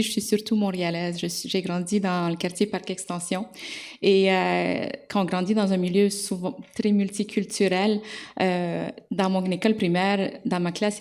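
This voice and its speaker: A woman in her forties from El Salvador, speaking as a panelist in a measured way. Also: mid-range voice, darkish tone. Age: 40s. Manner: measured, repeats "donc". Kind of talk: panel discussion.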